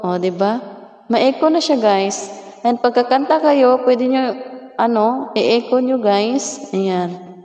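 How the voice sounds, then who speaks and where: A woman's voice: on the high side, slow, a little mellow, lo-fi sound. A Filipina vlogger, casually demoing her sound card and chatting to viewers. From Philippines. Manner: chatty, addresses viewers as guys. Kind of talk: casual product demo. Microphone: USB sound card mic with effects. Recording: heavy echo effect on voice.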